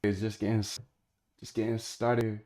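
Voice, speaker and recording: He's a low-voiced man with a darkish, level tone and normal pacing. While working on his screen during a stream, he rambles casually and slangily, talking to chat as he goes.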